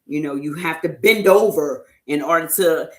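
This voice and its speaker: A woman's voice: low-pitched, moderate pace. A woman giving an informal faith talk as an inspirational speaker, speaking in a conversational, emphatic way with frequent "you know" asides. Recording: roomy echo.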